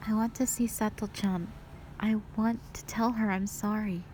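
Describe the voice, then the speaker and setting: This rough recording has a woman with a natural, mid-range, darkish voice playing a fragile, remorseful young hospital patient in an audio roleplay. Her intonation is fairly even and her pace moderate; she sounds subdued, hesitant, and apologetic, sighing between short phrases, with slight background noise and piano music behind her.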